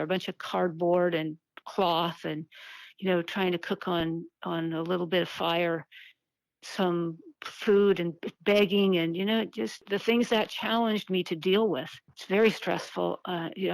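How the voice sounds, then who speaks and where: A middle-aged woman speaking earnestly and haltingly as an interview guest over an old flip phone call, often repeating words as she reflects. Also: on the low side, vocal fry, no room sound. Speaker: interview guest, activist and author.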